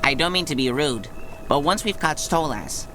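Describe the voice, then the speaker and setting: A woman's voice: low voice, lively intonation, moderate pace, a bit bright, soft background music. A woman voicing a small, chatty, earnest male Smurf in a video game, wordy and fussy. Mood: inquisitive. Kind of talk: video game cutscene acting.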